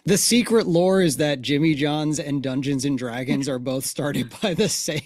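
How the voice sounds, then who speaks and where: A man acting as game master, talking slowly and haltingly with fillers as he opens the session. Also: fairly high pitch, darkish tone, dry recording, studio quality. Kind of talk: tabletop game narration.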